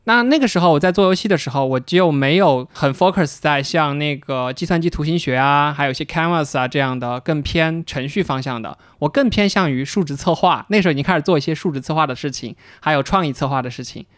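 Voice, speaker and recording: Brief: male podcast co-host, thoughtful and personal, a bit high-pitched, dry sound. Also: fast talker, hardly any pauses, a bit bright, dry recording. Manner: reflective, storytelling, some repeated words. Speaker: podcast co-host, interaction designer. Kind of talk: casual chat.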